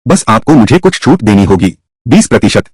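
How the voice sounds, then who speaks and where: A man dubs a whole drama alone, voicing each role in turn. His voice is husky and his pitch swings widely between characters. The recording is dry and close. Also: big pitch swings, moderate pace, a little mellow, no room sound. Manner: voices every character himself with shifting pitch. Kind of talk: single-voice dub of a drama.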